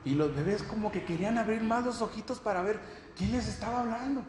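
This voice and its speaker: A pastor preaches in a fairly high voice, pressing his points with repeated addresses to his brothers and sisters. His words carry a long echo through a church hall, with faint noise behind. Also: fast talker, a little mellow. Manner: emphatic preaching, repeats "hermano". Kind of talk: sermon.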